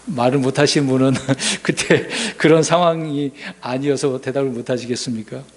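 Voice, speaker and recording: A man preaching a sermon as pastor, asking the congregation questions and swinging from loud emphasis to hushed asides. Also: medium pitch, steady tone, moderate pace.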